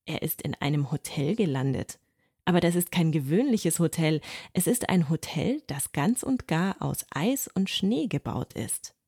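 Woman, storybook narrator, calm, gently expressive, low voice, dry close sound. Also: normal speed, husky, no echo. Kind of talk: storybook reading.

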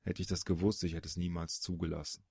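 A man reading a storybook audiobook, voicing a sorrowful, troubled human man with a husky voice and an earnest, questioning manner. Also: sits low, little pitch movement, quick pace, a little mellow, dry recording, studio quality, pitched below the performer's own voice, exaggerated voice.

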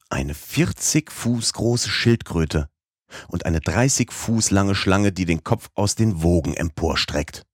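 Low, husky male audiobook narrator. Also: no echo, studio quality. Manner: measured, steady reading. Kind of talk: scripted narration of a classic novel.

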